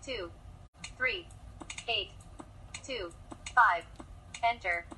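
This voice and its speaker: A synthetic female text-to-speech voice from a phone, a smooth screen reader announcing from a phone speaker across the room. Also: a little high, extremely slow, background noise. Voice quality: smooth, even, robotic announcing.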